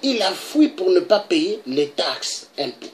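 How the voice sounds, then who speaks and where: Woman, from DR Congo, emphatic political monologue, slow delivery, lively pitch. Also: background noise. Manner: emphatic, repeats "hein?" for emphasis. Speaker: political commentator. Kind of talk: impassioned monologue to camera.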